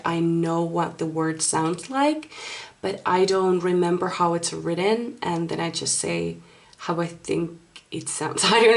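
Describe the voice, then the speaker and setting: A woman's voice: fairly low pitch, gravelly, a little hiss or hum. A woman from Finland with a Finnish accent, a native Finnish speaker, giving a casual tarot card reading in a hesitant, apologetic way as she searches for words. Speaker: tarot reader.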